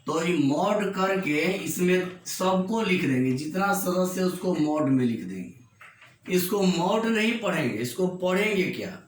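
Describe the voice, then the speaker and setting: A man from Bihar teaching a maths lesson in Hindi, explaining slowly and repeating each step for his students. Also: sits high, animated, slight background noise. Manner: slow, repetitive explaining, calls students "babu". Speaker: mathematics teacher. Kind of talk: classroom maths lecture. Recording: echoey room.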